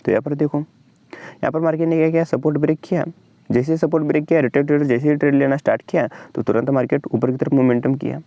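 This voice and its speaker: A young Indian man with an Indian accent, rapidly walking through a trading chart tutorial and pointing things out again and again. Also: on the high side, steady tone, creaky, mellow, no echo, muffled recording. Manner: fast, repetitive explainer, keeps pointing at the chart. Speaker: trading channel host. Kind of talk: screen-share trading tutorial.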